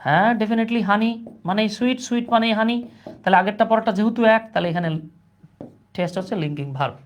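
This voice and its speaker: A man with a Bangladeshi accent runs an online grammar lesson. He talks in a casual, colloquial way, throwing in jokes and asking viewers questions as he explains. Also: sits high. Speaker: English teacher.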